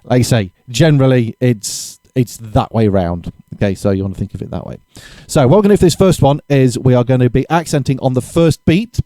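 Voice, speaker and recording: Relaxed man teaching drums. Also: medium pitch, brisk, hardly any pauses, no room sound. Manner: relaxed, chatty, self-correcting, counts beats aloud. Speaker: drum teacher. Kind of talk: casual spoken lesson. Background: drumming between explanations.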